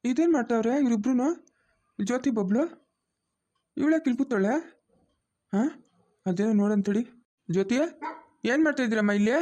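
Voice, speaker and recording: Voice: mid-range voice, normal speed, pauses often, darkish tone, natural voice. A cartoon voice of a stern, protective middle-aged village father, lecturing bluntly.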